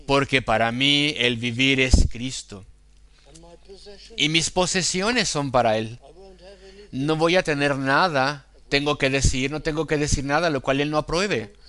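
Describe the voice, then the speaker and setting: Smooth-voiced male preacher, slow and deliberate. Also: mid-range voice, fairly bright tone. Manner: quotes scripture and voices inner temptations. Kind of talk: sermon.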